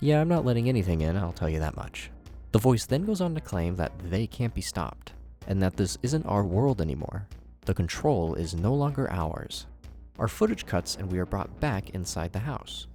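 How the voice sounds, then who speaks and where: A YouTube host who reviews horror series delivers scripted commentary at normal speed in a fairly low voice. His conversational delivery is highly animated in pitch, moving expressively through each sentence, with music faintly in the background.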